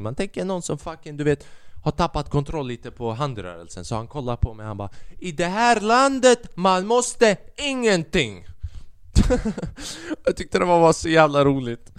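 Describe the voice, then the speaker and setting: Animated swearing young podcast host. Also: male voice, mid-range voice, clean tone, no echo, studio quality. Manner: swearing, animated, acts out quotes. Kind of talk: casual solo podcast storytelling.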